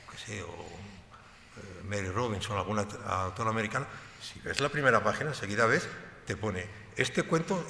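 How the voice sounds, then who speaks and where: A man speaking as a short story writer on a panel, explaining in an animated way, in a large hall. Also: fairly low pitch, creaky, a little hiss or hum. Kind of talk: panel discussion. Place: large hall at a book fair. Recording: roomy hall with long reverb.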